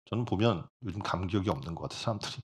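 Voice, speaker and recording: A male pastor preaching a sermon in an animated way, often putting rhetorical questions to the congregation. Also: low voice, very fast, slightly rough.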